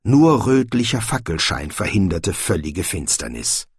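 A man narrating an audiobook in scripted storybook style, with expressive, shifting intonation. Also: sits low, measured pace, husky, dry recording. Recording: dry, close audiobook recording.

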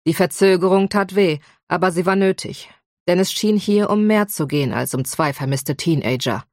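A woman narrates a first-person audiobook in an even, measured storytelling voice. Her voice sits low, and the sound is dry and close with no room. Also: no room sound.

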